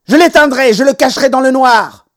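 A man voicing an angry, jealous young boy who shouts and defies his mother in a storybook reading. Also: on the high side, moderate pace, lightly acted. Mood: furious. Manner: shouting, petulant.

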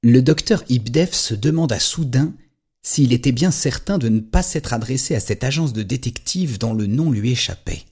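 A man's voice: mid-range voice, lively intonation, normal speed, darkish tone, husky. A man narrating a story in an audio drama. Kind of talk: scripted narration.

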